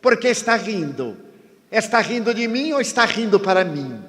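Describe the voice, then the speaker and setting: A man's voice: high-pitched, big pitch swings, moderate pace, big-room sound, pitched above the performer's own voice. A man voicing an irritable, pushy man in an airport queue who fires off challenging questions.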